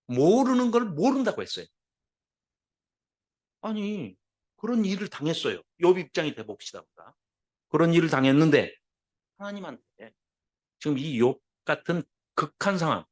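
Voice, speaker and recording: A man lecturing a Bible class, lively and full of rhetorical questions put to his listeners. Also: a little high.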